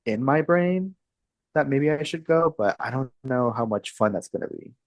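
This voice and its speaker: A woman in her thirties from Texas co-hosting a podcast, chatting in a relaxed, hesitant way with laughs. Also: a bass voice, normal speed, dry recording. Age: 30s. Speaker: podcast co-host. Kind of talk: casual chat.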